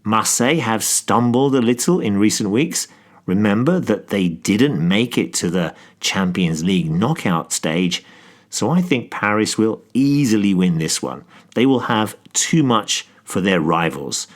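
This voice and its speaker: A man co-hosting a podcast that teaches English through football, explaining phrases in a measured, explanatory way. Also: lowish voice, sing-song. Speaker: podcast co-host. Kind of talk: scripted football English lesson.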